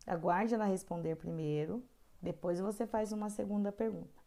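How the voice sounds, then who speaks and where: A middle-aged woman lectures to caregivers in an earnest, steady way, pausing often to search for words. Her voice is mellow and rounded. She leans hard on the points she cares about. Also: mid-range voice. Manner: earnest, frequent hesitations, emphatic on key points. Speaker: caregiver course instructor. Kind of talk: lecture reading guidelines with asides.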